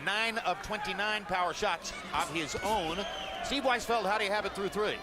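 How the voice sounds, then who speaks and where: A man's voice: high-pitched, moderate pace, over loud music, a loud crowd. A man calling a boxing match as play-by-play commentator, articulate, wordy and emphatic. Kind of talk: live sports commentary. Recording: very noisy live arena broadcast.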